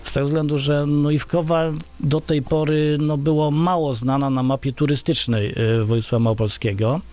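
Here the middle-aged Polish village head keeps a steady tone at normal speed, his voice a bit high and a bit mellow. He answers interview questions with frequent fillers and restarts. It's recorded indoors in a small radio studio through a large boom-arm studio microphone.

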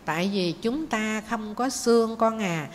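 A woman voicing a wise, patient mother snail who reassures her child gently. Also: a little high, a little slow, close to an everyday voice. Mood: gentle. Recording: faint noise, long hall reverb.

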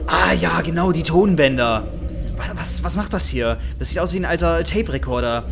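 A man casually commentating a horror game, joking and sarcastic, talking to the game character. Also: medium pitch. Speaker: let's play host.

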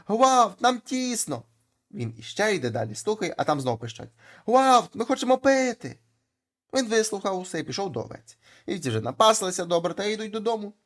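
A man reads old folk tales aloud as a storyteller. His voice sits fairly high for a man and swings widely in pitch, keeping the narration lively. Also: quick pace.

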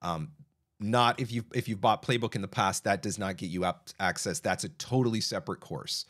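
A man in his thirties with a fairly low, slightly bright voice and brisk delivery hosts a live voiceover advice stream. He answers chat questions conversationally, with fillers and restarts, speaking close to an arm-mounted broadcast mic in a small home studio.

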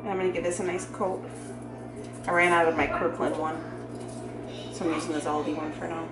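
With music in the background, an American woman talks fairly quickly in a lowish, level voice during her casual cook-along vlog. She fills pauses with filler words and teases herself while a camera mic follows her around the echoey, noisy kitchen.

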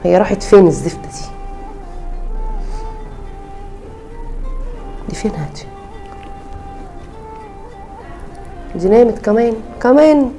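A woman's voice: mid-range voice, sing-song, racing, dark tone, soft background music. A woman voicing an irritable, complaining pregnant young wife with an Egyptian Arabic accent in a cartoon. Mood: fuming. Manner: complaining, exasperated.

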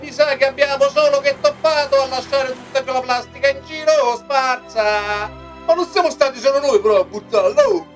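Woman as grumbling puppet picnicker, high voice, central Italian accent, colloquial, faint music. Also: moderate pace, lightly acted. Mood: defensive. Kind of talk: children's puppet show acting.

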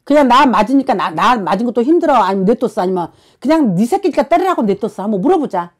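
Woman fortune teller, blunt and scolding, lively high voice, pushes with repeated questions. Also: fast. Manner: forceful, scolding, keeps prodding with "어?". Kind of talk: blunt counseling session.

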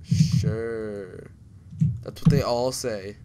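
A man casually commentating a video game with a friend, excitable, shouting when things go well and mumbling when calm. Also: lowish voice, extremely slow, background noise. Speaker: channel host playing a video game.

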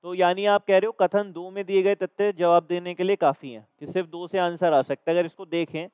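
A man's voice: high voice, steady tone, brisk, clear, resonant tone, dry recording. A man with a Hindi accent teaching a reasoning class, explaining exam questions step by step and checking that his students follow. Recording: dry, slightly dull recording.

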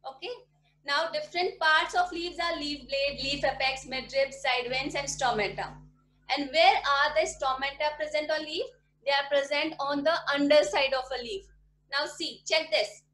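Her voice sits high, moves at normal speed and has a fairly bright tone, with a little hiss or hum. She's an Indian primary school teacher teaching online from a small room at home and patiently repeating questions to check her pupils follow. A laptop webcam mic at the desk records her, with echoey video-call room audio.

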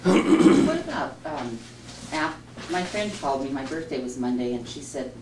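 A woman's voice: extremely low pitch, big pitch swings, normal speed. A woman in her fifties from Montana, a patient asking questions in a chatty manner and laughing easily. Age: 50s. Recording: roomy, distant, noisy room sound.

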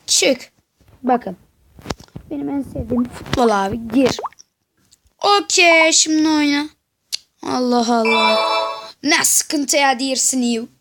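A woman giving casual game commentary to viewers, excitable and yelling at the game in frustration. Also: high voice, slow, long pauses. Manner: talks to viewers directly. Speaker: gameplay commentator. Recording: noisy background with mouse clicks.

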